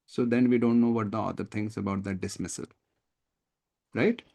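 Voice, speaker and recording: A man's voice: on the low side, normal speed, gravelly. Indian english guy teaching on a call, keeps asking "right?". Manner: lively, questioning, checks understanding often. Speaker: test prep tutor. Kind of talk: online class teaching. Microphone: video call.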